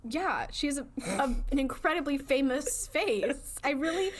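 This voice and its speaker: A woman's voice: sits high, animated, measured pace. A young woman co-hosting a podcast, bantering in a playful, teasing way. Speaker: podcast co-host. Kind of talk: casual podcast chat.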